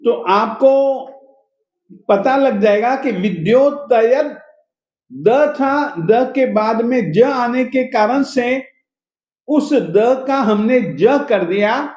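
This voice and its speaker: High-voiced man teaching slow recitation. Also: lively intonation, a little mellow, reverberant. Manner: spells out syllables and repeats words slowly; chants the verse in a sing-song voice. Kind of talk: slow pronunciation lesson of a Sanskrit hymn.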